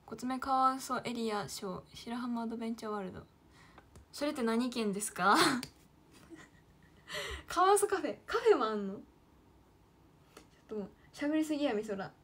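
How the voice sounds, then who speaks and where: A woman's voice: on the high side, animated, fairly quick, pauses often, fairly bright tone, slight background noise. A woman in her late teens from Kyoto, with a Kyoto Kansai accent, chatting casually to herself and her viewers on a livestream while she draws. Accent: Kyoto Kansai dialect. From Kyoto, Japan. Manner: chatty, talks to herself, calls herself by name. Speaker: idol livestreamer.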